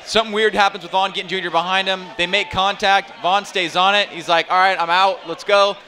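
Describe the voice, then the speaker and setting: A man's voice: sits high, fairly even intonation, fairly quick, bright, forceful tone. A man giving live motorsport analysis as a color commentator, explaining replays in a conversational way.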